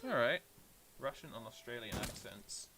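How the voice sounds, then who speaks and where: A man's voice: medium pitch, expressive, normal speed, creaky, noisy background. A British man streaming a game, chatting casually with viewers in a rambling, self-deprecating way. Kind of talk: casual live-stream chat, answering viewers.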